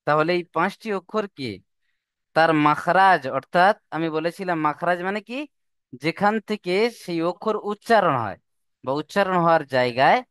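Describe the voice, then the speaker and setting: A man's voice: sits high, a bit bright, clean tone, no echo, clean studio sound. A man teaching Quran reading rules step by step, stretching out the example words in a sung recitation. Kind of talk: slow step-by-step lesson.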